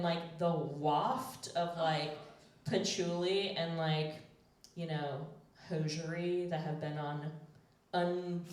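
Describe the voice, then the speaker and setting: Woman hosting a live show, chatty, laughs a lot, kinda low voice, super echoey and far from the mic. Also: darkish tone. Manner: chatty, laughs often, lots of fillers. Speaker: host of a live storytelling show. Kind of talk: casual personal storytelling on stage. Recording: very roomy, voice from far off.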